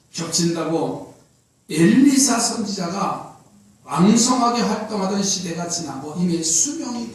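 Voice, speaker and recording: A high-pitched male pastor delivering a Sunday sermon, slowing down to stress key words and rising into sudden loud cries. His voice rings through a very echoey church hall, picked up from some distance away. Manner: preaching with slow emphatic swells and sudden loud cries. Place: church sanctuary.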